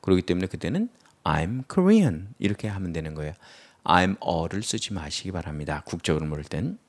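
Lively low-voiced man teaching vocabulary. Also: moderate pace. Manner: explains word roots, playful mnemonics, acts out example sentences.

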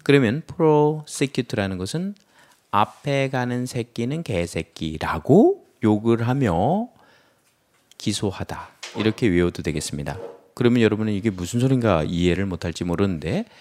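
A man's voice: lowish voice, a little mellow. A man teaching English vocabulary, explaining word roots and acting out example sentences with playful memory tricks. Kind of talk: lively vocabulary lecture.

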